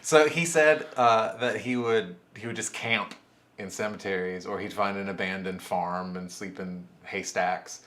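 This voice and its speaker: Low-voiced rambling man. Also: measured pace. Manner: rambling, laughs often, trails off quietly. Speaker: podcast co-host. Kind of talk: casual storytelling chat.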